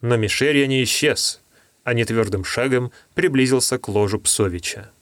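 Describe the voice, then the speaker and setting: A man narrating a fantasy audiobook in a measured, even storytelling manner. His voice sits in a middle register. The recording is dry and close, with no room sound. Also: medium pitch, dry recording.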